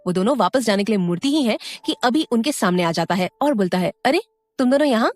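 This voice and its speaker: A woman's voice: medium pitch, lively intonation, fast, darkish tone, dry recording, faint music behind. A woman narrating a scripted audio story, with friendly asides to the listener.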